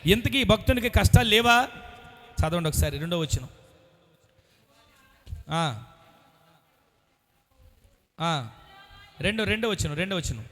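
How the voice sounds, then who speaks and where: Male preacher, high-pitched, fervent amen calls, reverberant church hall. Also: a bit bright. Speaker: pastor. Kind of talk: sermon. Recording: long echo of a large church hall.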